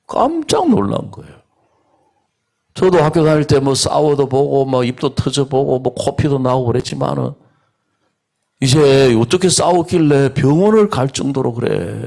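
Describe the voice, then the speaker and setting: Gravelly, lively middle-aged man preaching. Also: a little high. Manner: animated storytelling that swings between hushed asides and raised emphasis. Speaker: pastor. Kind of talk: sermon. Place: outdoor church service.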